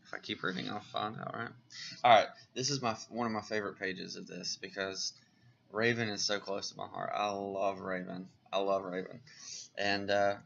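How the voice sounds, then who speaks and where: A man's voice: fairly low pitch, vocal fry, fairly bright tone, slight background noise. A man casually reviewing comic books on a vlog, who talks in an enthusiastic, rambling way with many fillers, on a dull lo-fi recording.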